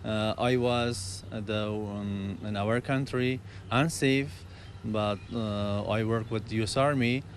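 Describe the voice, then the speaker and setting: A man's voice: lowish voice, fairly even intonation, takes it slowly, a little hiss or hum. A man from Afghanistan with an Afghan accent, speaking hesitant, broken English with many fillers as a guest in a live TV interview. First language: not English.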